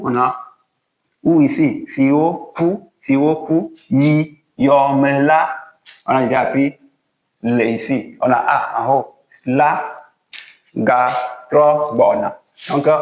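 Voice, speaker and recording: A man's voice: mid-range voice, roomy sound, rough recording. A man teaching how to write and read the letters of an alphabet, guiding each stroke step by step in a patient way. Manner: slow, patient step-by-step instruction. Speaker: language teacher. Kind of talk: writing lesson at a board.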